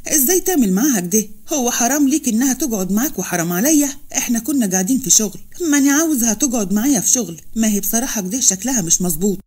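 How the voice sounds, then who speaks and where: A woman voicing an arrogant rich young man who mocks a girl's looks in a fast storybook reading. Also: a little high, dark tone, slightly rough. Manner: scornful, mocking.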